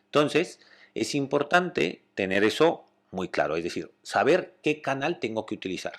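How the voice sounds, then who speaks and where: A man with a Spanish accent, a psychologist calmly explaining communication and often checking that listeners follow. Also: medium pitch, normal speed. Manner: calm, explanatory, checks understanding with "¿vale?".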